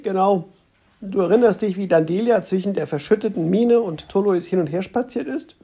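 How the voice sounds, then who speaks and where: A narrator voicing a calm, patient man who explains things steadily, in an audiobook reading. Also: medium pitch, brisk, breathy edge. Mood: explaining.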